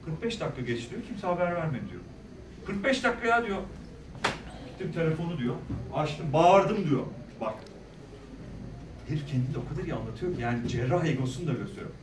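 A middle-aged man speaking as a guest at a school career day, telling stories in a lively way and acting out the people he quotes. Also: a little high, fast, long pauses, a little hiss or hum. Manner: animated, acts out quoted voices, jokes with the audience. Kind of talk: lively storytelling talk to students. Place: large echoey school hall. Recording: echoey hall, speaker far from mic.

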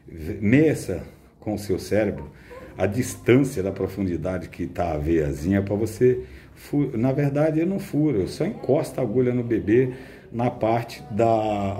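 A man drawing blood from an infant, talking calmly and explaining the technique to viewers. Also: on the low side. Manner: soothing a crying baby, coaxing and prayerful. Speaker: phlebotomist. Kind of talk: instructional narration while working. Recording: echoey room, loud noise, baby crying. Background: crying baby.

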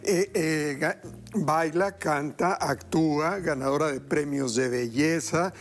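A middle-aged man hosts a TV cooking segment on a kitchen studio set, talking through a lapel mic. He gushes with praise and drifts into little homilies. Music plays clearly underneath him. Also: fairly high pitch, slow. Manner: effusive, flattering, preachy. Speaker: TV cooking show host. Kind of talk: warm effusive studio chat.

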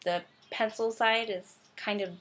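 A woman's voice: fairly high pitch, steady tone, measured pace, a bit bright. A young woman chatting casually through a makeup product review, with lots of ums and little laughs. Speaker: beauty vlogger.

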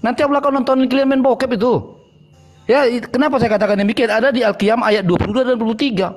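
A man's voice: very high-pitched, fairly even intonation, fast talker, a little mellow, soft background music. A man in a heated online debate who argues in a mocking, provocative and scornful way.

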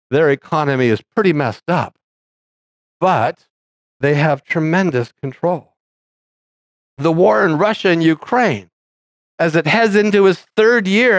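A man's voice: on the high side, dry recording. A male pastor preaching a sermon in a conversational, rambling way, often restarting his sentences.

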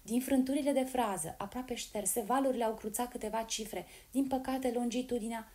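A woman voicing a kind, gentle young noblewoman who speaks in a warm, reassuring and measured way. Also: a little high, fairly even intonation, voice pushed up, close to an everyday voice.

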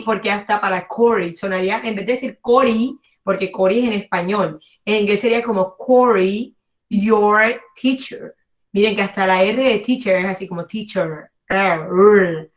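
A woman teacher leads an online class over a video call, praising her students often. She drags out English words slowly and exaggerates each sound so the class can copy them. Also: medium pitch.

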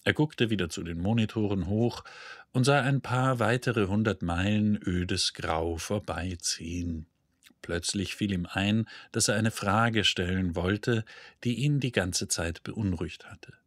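A man narrating an audiobook in an even, measured storytelling manner. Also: lowish voice, no room sound. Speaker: audiobook reader. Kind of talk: scripted narration.

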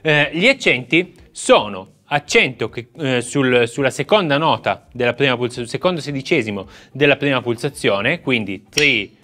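Man, drum teacher, animated, counts beats and sings out rhythms, bright tense tone. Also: mid-range voice, moderate pace, hardly any pauses. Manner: explains step by step, counts aloud and vocalizes rhythms. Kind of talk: casual video drum lesson.

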